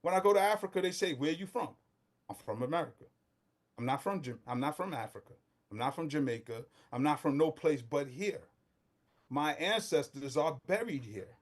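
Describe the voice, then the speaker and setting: A man's voice: fairly high pitch, expressive, moderate pace. A middle-aged man from Brooklyn, a podcast guest talking in street slang, heated and fervent. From Brooklyn, New York. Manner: impassioned, street slang, rising to near-shouting. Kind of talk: casual podcast discussion.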